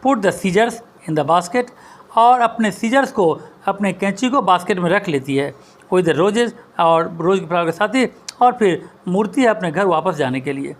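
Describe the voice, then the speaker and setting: Male tutor explaining a story, lively pitch, slow on the quoted lines. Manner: reads English lines slowly, then explains in Hindi. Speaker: teacher. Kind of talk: line-by-line story explanation lesson.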